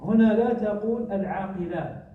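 A high-pitched man teaches a grammar lesson, quizzing his students with short questions and repeating examples slowly. He sounds far from the mic in a heavily echoing hall, and the sound is thin and phone-like. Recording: echoey, distant, phone-like recording.

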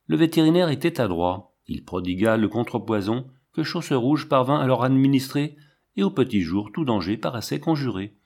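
A man narrating an audiobook in a measured, dramatic reading. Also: medium pitch, expressive, a little mellow.

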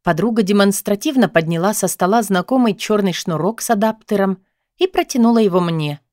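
A woman narrating a novel in the first person, in a steady, even storytelling manner. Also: medium pitch, brisk, no room sound, clean studio sound. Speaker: audiobook narrator.

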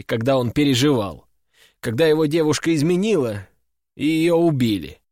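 An audiobook narrator, a man with a voice on the high side, reads a crime story as scripted narration in an even, measured storytelling style. The sound is dry and close, studio-like with no echo, with faint music underneath.

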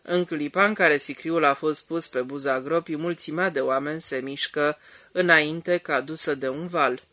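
A man narrating an audiobook in a steady, measured reading. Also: a little high, no room sound. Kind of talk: scripted narration.

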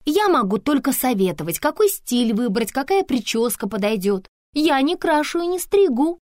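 A woman voicing a pushy young female image consultant who talks high, excited and insistent. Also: moderate pace, dry recording, clean studio sound.

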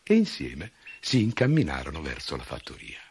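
A man reading a fairy tale aloud in a very deep voice. His pitch swings widely as he tells it, lively and expressive. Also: normal speed, creaky, breathy edge. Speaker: storyteller.

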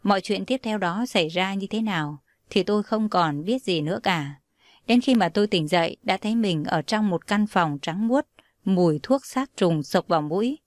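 Young woman reading a story aloud, calm and steady, mid pitch, dry close sound. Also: moderate pace, dry recording. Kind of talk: first-person story narration.

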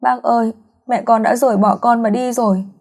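A woman voicing a grief-stricken young woman who pleads and clings, her voice pitched up and tearful. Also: fairly even intonation, normal speed, darkish tone. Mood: distraught.

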